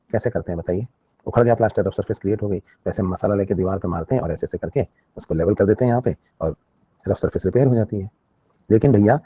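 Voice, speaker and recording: A fast-talking man leads an online biology lesson and keeps checking in with his listeners. His voice is low, dark and a little husky. It was recorded close to the mic in a dry room. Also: dry recording. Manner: explains with everyday examples and frequent check-in questions. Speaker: biology teacher. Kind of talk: live online class lecture.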